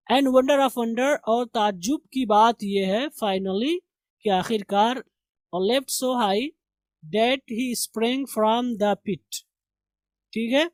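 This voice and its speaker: Guy teaching english, slow read-aloud then quick explaining, keeps saying theek hai, dry close sound. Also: very high-pitched, no echo. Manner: reads English slowly, then explains briskly in Urdu; repeats "theek hai" as a check-in. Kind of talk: line-by-line translation lesson.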